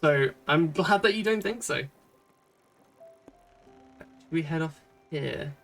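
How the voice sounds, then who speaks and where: A chatty streamer from Britain talks through a cozy game at a desk mic, thinking aloud with plenty of ums and restarts. The voice sits at an ordinary middle pitch. Faint game music and keyboard taps run behind. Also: expressive, slow, gravelly, fairly bright tone. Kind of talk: casual gameplay commentary.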